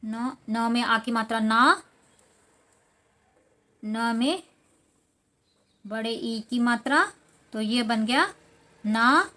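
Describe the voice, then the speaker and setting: Young woman, teacher, slow, spells out syllables, somewhat high voice. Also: fairly even intonation, pushed and bright. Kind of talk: slow, patient lesson for children.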